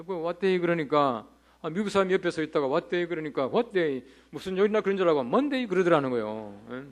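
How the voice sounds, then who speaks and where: A male pastor preaching a revival sermon in a church, telling funny anecdotes and asking the congregation rhetorical questions. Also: high voice.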